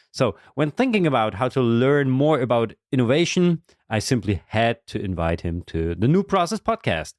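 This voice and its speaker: A man's voice: mid-range voice, no echo, clean studio sound. A man hosting a podcast, reading a guest introduction and then chatting upbeat with his guest. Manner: upbeat, with airline travel framing. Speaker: podcast host. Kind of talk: podcast interview, read intro then casual chat.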